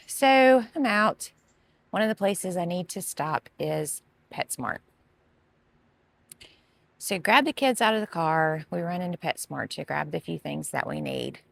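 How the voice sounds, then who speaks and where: Gravelly-voiced woman telling stories. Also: on the low side. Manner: chatty, folksy, dramatic storytelling. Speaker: gardening vlogger. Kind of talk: casual storytelling to camera.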